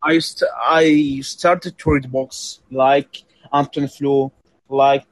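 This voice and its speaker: A man's voice: medium pitch, steady tone, no room sound. Man on a glitchy, cutting-out call line. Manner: halting, searching for words, many restarts. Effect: glitchy, cutting-out internet audio with jumpy pace. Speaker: participant in an online voice chat. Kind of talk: casual conversation. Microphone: computer mic over an online call.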